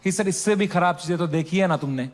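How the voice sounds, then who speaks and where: High-voiced man telling a stand-up story. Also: quick pace, big-room sound. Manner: mixes Hindi and English, animated, acts out family voices. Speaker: stand-up comedian.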